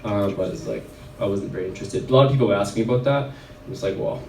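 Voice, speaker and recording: Fast-talking and creaky, this man has a voice on the low side with a darkish tone. A chiropractor from Red Deer, Alberta, Canada, he recounts a personal story at a wellness event in a rambling, filler-heavy, casual way. The event-venue recording is roomy from a distant mic, with a little hiss or hum.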